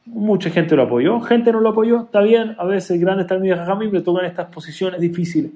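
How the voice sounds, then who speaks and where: Guy teaching a torah class, voice on the higher side, storytelling with lots of loud-soft swings. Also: fairly quick. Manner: animated storytelling, swings between loud emphasis and soft asides. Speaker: religious teacher.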